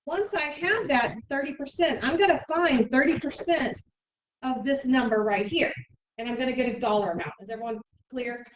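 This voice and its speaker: A woman teaching a middle school math class, briskly explaining steps and checking in with "okay?" often. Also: high-pitched, highs cut off. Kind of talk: classroom instruction. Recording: echoey room, mic far off, faint noise.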